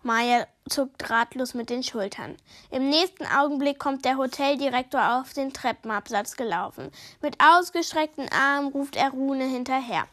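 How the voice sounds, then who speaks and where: A woman narrates a children's detective story in a calm, even reading voice. Her voice sits high. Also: normal speed. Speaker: audiobook narrator.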